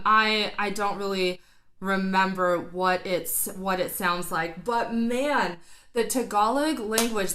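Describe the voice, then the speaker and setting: A woman who isn't Filipino and has studied singing gives casual, enthusiastic reaction commentary as a vocal coach, breaking down a singer's technique. She thinks aloud with fillers, in a medium-pitched, fairly bright voice.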